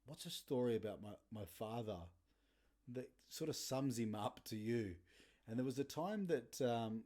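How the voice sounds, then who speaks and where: A man's voice: mid-range voice, mellow. A man in his thirties hosting a podcast, telling blunt, sweary stories casually and laughing often. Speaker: podcast host. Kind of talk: casual storytelling monologue.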